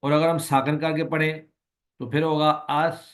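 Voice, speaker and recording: A man who teaches Quran recitation, giving a recorded lecture and explaining slowly and patiently, with long drawn-out sample sounds and a Pakistani Urdu accent. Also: fairly high pitch, level tone, a bit bright. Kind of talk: recorded lecture on letter pronunciation.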